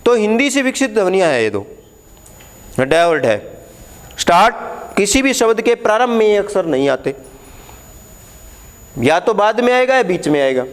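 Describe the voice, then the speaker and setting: A man's voice: sits high, very animated, normal speed, long pauses. A man teaching Hindi letters at a board, explaining patiently, repeating key words and putting questions to the class.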